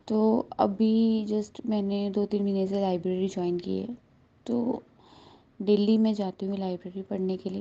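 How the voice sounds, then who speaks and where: A woman's voice: mid-range voice, creaky, mellow. A woman in her thirties giving an earnest personal testimony to a devotional gathering, slipping English words into her speech. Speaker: satsang devotee sharing a blessing. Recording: dull lo-fi recording.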